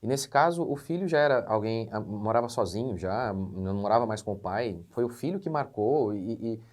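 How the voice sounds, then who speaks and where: A man with a Brazilian Portuguese accent, a pastor giving his views in an animated, story-driven monologue with frequent restarts. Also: lowish voice, normal speed. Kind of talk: casual commentary monologue.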